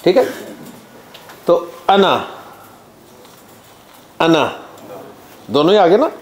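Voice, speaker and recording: A man's voice: high-pitched, big pitch swings, drawn-out words, slight background noise. A man teaching Arabic grammar in a classroom, chanting word lists in a sing-song drill and explaining to his students.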